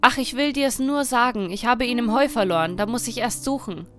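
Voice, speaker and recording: A woman's voice: a little high, a little fast, soft background music, lightly acted. A woman voicing a frightened young wife who pleads and cries out for help in a fairy tale reading. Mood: timid. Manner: pleading, crying out desperately.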